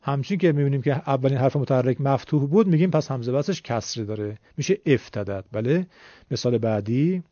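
A man's voice: medium pitch, expressive, dark tone, no room sound. Patient man teaching a reading rule. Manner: patient, reassuring, repeats key rules. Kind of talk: step-by-step classroom explanation. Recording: dull, dry lo-fi recording.

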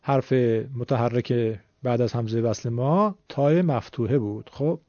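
A man's voice: medium pitch, no room sound. A man teaching Quran reading, explaining a rule step by step in a patient, reassuring way and repeating the key points. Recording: dull, dry lo-fi recording.

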